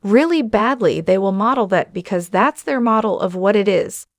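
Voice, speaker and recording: A woman's voice: medium pitch, lively intonation, normal speed, no room sound, clean studio sound. A woman hosting a channel, giving casual, opinionated commentary straight to her viewers with plenty of fillers. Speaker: channel host.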